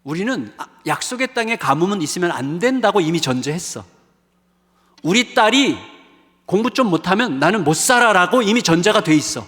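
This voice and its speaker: A middle-aged male pastor preaching a revival sermon with emphasis, rising to exclamations and dropping to hushed asides. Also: sits high, animated, normal speed. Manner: emphatic, swings between raised exclamations and hushed asides, acts out quoted voices. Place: church sanctuary. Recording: long reverb of a church hall.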